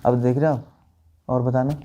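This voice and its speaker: A monk gives a spiritual talk to a live group. His voice is dark and mellow. He quizzes his listeners and chants lines to show how they should sound. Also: medium pitch, level tone, moderate pace. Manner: questioning listeners, demonstrating chants. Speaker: monk teacher.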